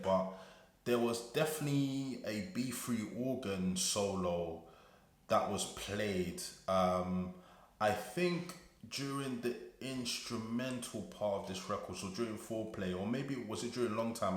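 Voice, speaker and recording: A man's voice: lowish voice, roomy sound. A British man hosting a music reaction channel, gushing and breathless, full of fillers and restarts. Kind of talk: excited music reaction commentary.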